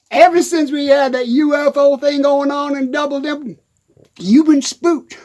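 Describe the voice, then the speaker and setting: A man with a Texan accent playing a giggly good-ol'-boy country character in a rambling comic monologue. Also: extremely high pitch. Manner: constant giggling, folksy rural grammar.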